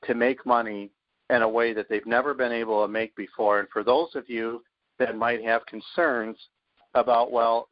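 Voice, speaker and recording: Speaking at normal speed in a mid-range, steady voice, a man leads his sales team through a motivational pitch on a call. He sounds confident and emphatic, hammering each point, and the dry audio has the dull quality of a lo-fi conference phone.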